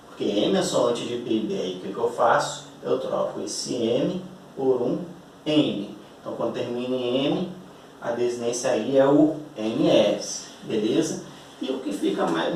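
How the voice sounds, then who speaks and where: A man's voice: medium pitch, a little hiss or hum. A man teaching a classroom grammar lesson, chatty, checking in with his students and stretching out key words as he explains at a board. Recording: roomy, distant echoey classroom audio.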